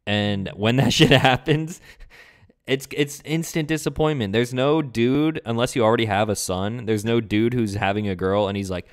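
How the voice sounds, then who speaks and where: A man's voice: mid-range voice, moderate pace. A man co-hosting a podcast, telling crude jokes and acting out little bits in casual chat. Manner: crude, joking, acts out bits. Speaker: podcast co-host.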